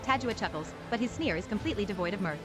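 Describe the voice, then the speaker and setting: A quick-paced female narrator with a mid-range voice tells a fantasy game's story. Her delivery is scripted and dramatic, with prominent music underneath. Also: medium pitch, lively intonation. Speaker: game narrator.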